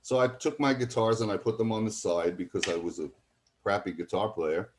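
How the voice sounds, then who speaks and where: A man's voice: lowish voice, steady tone, brisk, a little hiss or hum. An older man, a guest musician telling rambling anecdotes in a casual interview and acting out what other people said. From College Point, New York.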